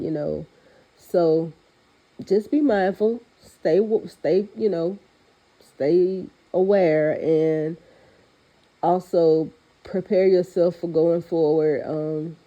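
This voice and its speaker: A woman with a lowish, dark voice gives an earnest spiritual pep talk off the cuff as a host. Congested from a recent illness, she sounds nasal, as if her nose were pinched, and the recording is muffled.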